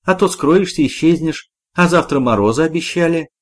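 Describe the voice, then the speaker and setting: A man's voice: a little high, animated, normal speed, pitched above the performer's own voice. A man voicing a fussy, anxious older woman who runs a parish.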